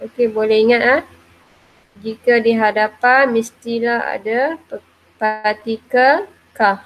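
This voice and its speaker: Woman teacher, fairly high voice, slow explaining delivery, faint noise in the background. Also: steady tone, muffled recording. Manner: says "okey" often, slow and explaining. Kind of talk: classroom grammar lesson.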